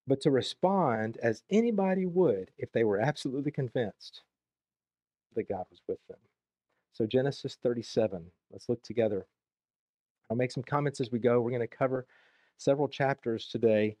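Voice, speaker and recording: A pastor with a Southern US accent preaching a sermon in church, reading scripture aloud and adding conversational asides. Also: male voice, mid-range voice, darkish tone, no echo, highs cut off. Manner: conversational, reads verses then adds plain asides. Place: church sanctuary.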